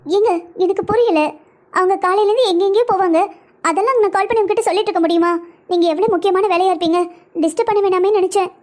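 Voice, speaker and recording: A woman's voice: very high voice, fast talker, a little mellow. A woman voicing family-drama cartoon characters with a pleading, emotional delivery. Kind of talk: Tamil cartoon voice acting.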